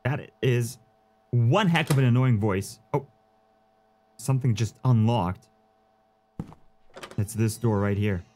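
A man's voice: medium pitch, takes it slowly, long pauses, a little mellow, slight background noise. A man playing a horror game and commentating as he thinks aloud, easily spooked like a scared streamer.

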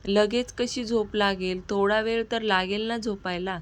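A playful young husband in an audio storybook romance, calmly teasing his new wife, as a woman narrator reads his lines. The voice stays close to the narrator's own. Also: mid-range voice, a little slow, clean tone, natural voice. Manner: teasing, calm.

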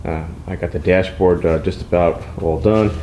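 A man with a low, mellow voice walks a camera through his restoration garage, chatting loosely and filling pauses with "uh" and "you know." A faint hum of the shop sits behind him. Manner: relaxed, rambling with many fillers. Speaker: classic car restoration shop owner. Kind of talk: casual walkaround shop tour. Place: indoor car restoration garage.

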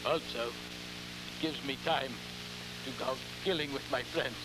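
A man playing a ghoulish, theatrical horror host, halting and repeating his words in a campy, scheming, cackling manner on an old television show. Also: medium pitch, fairly even intonation, music in the background, close to an everyday voice. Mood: macabre, gleeful. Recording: noisy, humming vintage television recording.

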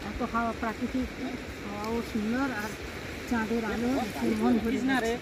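An older mother answering briefly and softly on a beach at night. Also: medium pitch, level tone, moderate pace, heavy background noise. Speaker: vlogger's mother.

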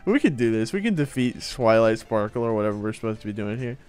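Excitable swearing man streaming a game. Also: lowish voice, fast. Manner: excitable, swears a lot, laughs and shouts often. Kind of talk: gameplay commentary.

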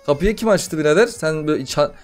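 A young man narrates a horror game playthrough in loose, profane banter, reacting loudly to every scare. His voice sits a touch high for a man and swings widely in pitch, jumping from mutters to yells. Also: fast talker, faint music behind. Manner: excitable, swearing, banter with the game. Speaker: gaming YouTuber. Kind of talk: gaming commentary.

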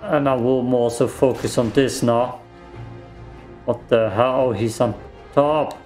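Faint music plays behind a German-native gamer's medium-pitched, slightly mellow voice as he speaks slowly and steadily. During his let's play he rambles, reacts aloud, and jokes at his own expense, using a desk mic at his home gaming setup.

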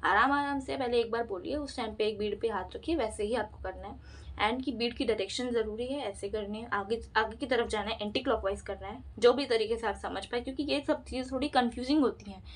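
Chatty woman teaching chanting, slightly high voice. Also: fairly quick. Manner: chatty, mixes Hindi with English phrases; demonstrates with her hands while explaining. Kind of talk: casual instructional vlog.

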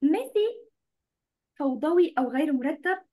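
High-voiced Egyptian woman teaching online. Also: big pitch swings, moderate pace, warm tone. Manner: mixes Arabic and English, checks in often with students. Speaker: English teacher. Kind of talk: online class explaining vocabulary.

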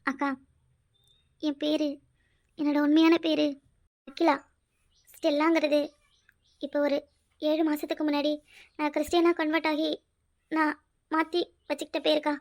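A woman in a cartoon voices a young woman with a very high, almost childlike pitch. Her lines come out pleading and tearful, with frequent catches in the voice. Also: level tone, normal speed, pauses often, darkish tone. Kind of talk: cartoon voice acting, several roles.

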